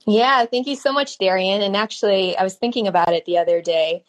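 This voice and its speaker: A Californian startup founder in her thirties, whose first language is Mandarin Chinese, tells her life story as a podcast guest in conversational interview style. Her medium-pitched voice moves fairly quickly, and the recording quality is low.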